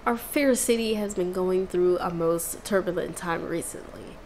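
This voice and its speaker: A woman voicing a tired, formal city mayor, reading his lines in a measured way. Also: fairly low pitch, a little mellow, a little hiss or hum, lightly acted, rough recording. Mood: solemn. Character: weary, formal city mayor, older man. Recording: game music underneath.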